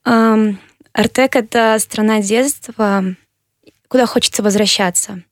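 Young woman of eighteen, from Kyrgyzstan, earnest and measured, fairly high voice, dry close sound. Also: steady tone, no room sound. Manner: earnest, measured, with hesitant fillers. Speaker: interviewee, university applicant. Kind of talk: interview answers.

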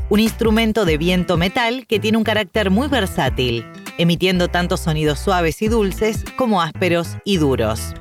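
Woman hosting an interview. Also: lowish voice. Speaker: host. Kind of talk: friendly interview.

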